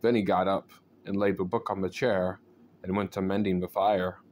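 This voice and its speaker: A man reading a scary story aloud as a storyteller, in a measured, deliberate, suspenseful way with pauses. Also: deep voice, flat delivery, darkish tone, slight background noise. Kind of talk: scripted horror story narration.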